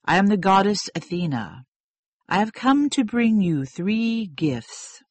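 A man voicing a wise, stately goddess in a storybook reading, speaking in a solemn, slow and commanding way. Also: high voice, very animated, no echo, pitched above the performer's own voice, full character voice.

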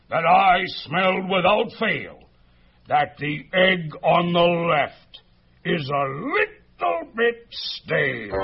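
A man voicing a big, pompous male bear who brags in a drawn-out way in a storybook reading. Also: high-pitched, breathy edge, lo-fi sound, voice pushed up, full character voice. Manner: boastful, drawn-out.

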